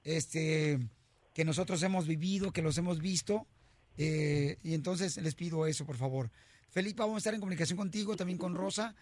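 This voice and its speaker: Exuberant high-voiced radio show host. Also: male voice, steady tone, normal speed, no room sound. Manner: exuberant, shouting catchphrases. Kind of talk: energetic radio banter.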